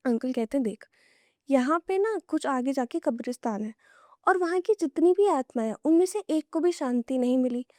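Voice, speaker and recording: A young woman on a podcast shares horror stories at a normal speed, her high, darkish voice full of lively intonation. She's a casual guest who draws listeners into what-if scenarios, recorded with clean studio sound and no room sound.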